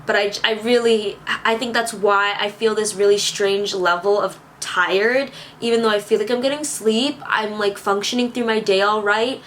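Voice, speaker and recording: A woman's voice: medium pitch, steady tone, normal speed, few pauses, fairly bright tone, slight background noise. A woman of twenty-one, holding back tears as she rambles to her camera in a casual vlog. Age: 20s. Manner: tearful, rambling and self-reassuring. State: teary, on the verge of crying. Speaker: vlogger.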